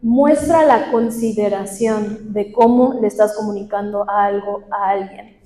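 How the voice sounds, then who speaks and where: A woman's voice: mid-range voice, measured pace, dark tone. A woman presenting a communication workshop, asking the audience questions and acting out everyday examples. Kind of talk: leadership and communication workshop talk. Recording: echoey hall with long reverb.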